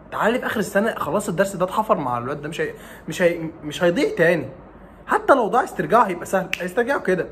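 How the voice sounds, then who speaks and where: A young man with an Egyptian Arabic accent rattles off study advice at a breakneck pace. His pitch swings widely as he fires rhetorical questions and teases like an older brother, with faint background noise. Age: young adult. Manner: teasing, rhetorical, scolding like a big brother. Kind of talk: casual advice vlog.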